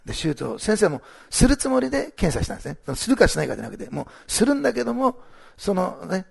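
A man's voice: fairly high pitch, gravelly, husky. A middle-aged male pastor giving church announcements and sharing a testimony, rambling with many fillers and restarts.

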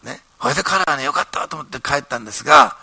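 A man preaching a sermon, telling a story in an animated way and tagging his phrases with "ne". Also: mid-range voice, quick pace, slightly rough, no echo. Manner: animated storytelling, frequent ね tags. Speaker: pastor.

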